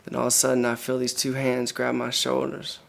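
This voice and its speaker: An actor playing a young soldier telling a wild story, profane and swaggering. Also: male voice, mid-range voice, completely flat delivery, fairly quick, gravelly. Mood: brash. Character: brash young male soldier, reckless storyteller. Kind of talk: dramatic monologue.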